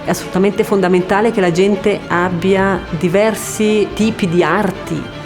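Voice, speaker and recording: A woman's voice: medium pitch, fairly even intonation, moderate pace, over music. A woman from Switzerland who organizes dance events, speaking earnestly and with emotion in an award portrait interview. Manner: earnest, moved.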